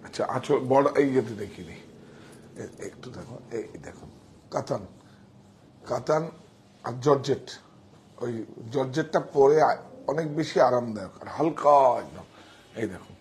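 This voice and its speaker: A man showing sarees in a live sales pitch, talking excitedly, repeating himself and directing helpers. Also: moderate pace, pauses often, slight background noise. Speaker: saree shop seller.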